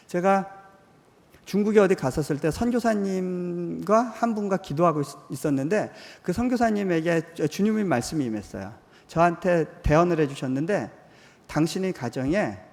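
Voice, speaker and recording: A man in his forties preaching a sermon in a church hall, telling personal stories in a conversational way. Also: on the high side. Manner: conversational, acts out quoted voices, drops soft for tender moments. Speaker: missionary preacher. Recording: long hall reverb.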